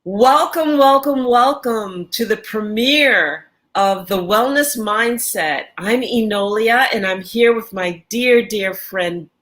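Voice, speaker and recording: A woman's voice: a little high, slow, few pauses, fairly bright tone. A woman from New York, a life coach hosting a podcast, welcoming listeners and explaining ideas through everyday analogies. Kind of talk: casual podcast chat.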